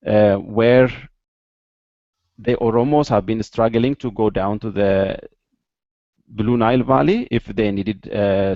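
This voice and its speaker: Male interview guest from Ethiopia, low voice, measured and hesitant, dull dry call audio. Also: dark tone, no echo. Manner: measured, many "uh" fillers, careful explanation. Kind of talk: interview, explaining background. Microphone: video call.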